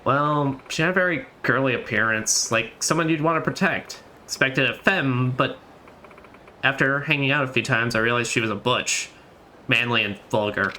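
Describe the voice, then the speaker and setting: A man voicing a heartbroken young woman who speaks softly and hesitantly in a raised voice. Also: medium pitch, normal speed, slight background noise, natural voice. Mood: glum. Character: heartbroken young woman, shy and self-critical.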